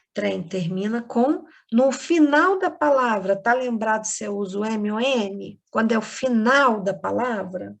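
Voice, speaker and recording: A Brazilian woman teacher giving a recorded lesson to young children, dictating words slowly and patiently, checking in with "ok?" as she goes. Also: medium pitch, vocal fry, slightly rough. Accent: Brazilian Portuguese. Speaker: primary school teacher. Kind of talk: recorded online class for children.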